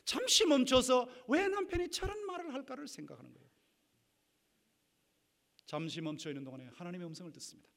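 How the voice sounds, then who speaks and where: A man preaching a sermon to his congregation, acting out quarrelling spouses and swinging between loud bursts and near-whispers. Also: very high voice, big pitch swings, fast talker, creaky, pauses often. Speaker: pastor. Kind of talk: sermon on marriage conflict.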